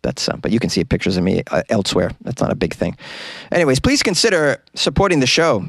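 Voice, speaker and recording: A man with a medium-pitched voice chats casually as a podcast host, recorded dry and close. His delivery is wry and rambling, with halting phrases. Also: very animated, fairly bright tone, no room sound. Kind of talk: casual solo podcast chat.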